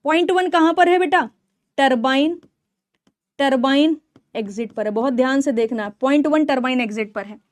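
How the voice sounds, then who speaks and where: A woman teaching an engineering class in a high voice, close and dry with no room sound. She poses questions to the students and answers them herself, and now and then teases them. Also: normal speed, no echo. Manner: teasing scolding asides to students. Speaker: engineering lecturer. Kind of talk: classroom lecture mixing Hindi and English terms.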